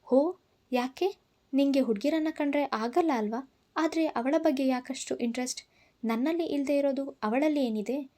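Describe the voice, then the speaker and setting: A woman's voice: sits high, moderate pace, warm tone, lightly acted. A woman voicing a spoiled, obsessive young woman who talks back in a defiant, taunting way, in a storybook reading.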